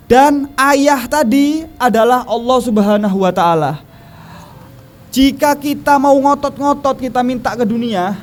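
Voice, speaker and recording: A man preaching a sermon in an emphatic storytelling manner at a religious gathering. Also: very high voice.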